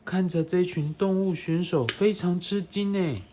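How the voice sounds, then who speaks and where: A woman's voice: lowish voice, a little slow, dark tone, slight background noise. A woman reading a picture book aloud to a toddler, expressively, with questions and playful sound effects. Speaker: storyteller reading a picture book to a young child. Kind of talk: animated read-aloud to a toddler.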